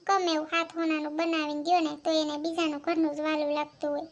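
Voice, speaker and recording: A woman voicing a sly, flattering housewife who borrows money in a cartoon, with a Kathiawadi Gujarati accent. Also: high voice, fast talker, close to an everyday voice. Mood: wheedling. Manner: wheedling, flattering.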